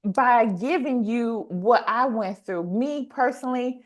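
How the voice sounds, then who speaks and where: With a voice on the high side and a slow delivery, a podcast host talks casually and animatedly in a motivational vein. She leans on repetition for emphasis and acts out small quotations.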